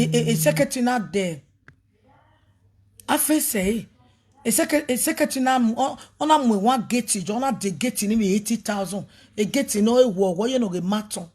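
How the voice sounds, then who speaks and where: On a livestream, a female ministry leader delivers an animated, preachy and emphatic talk that switches among pidgin, English and a local language. Her voice sits on the high side, darkish in tone and slightly rough.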